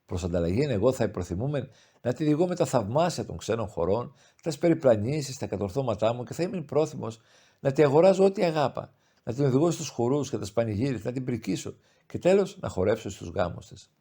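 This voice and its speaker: Mellow-voiced man narrating an audiobook. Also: mid-range voice, slightly rough. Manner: measured, expressive reading of formal old-style prose. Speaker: audiobook reader. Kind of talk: scripted literary narration.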